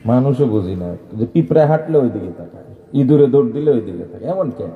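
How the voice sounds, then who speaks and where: A man preaching a sermon to a large gathering, questioning the crowd and leading them in loud chants, swinging from low talk to shouting. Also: lively intonation, quick pace, reverberant, narrow, tinny audio.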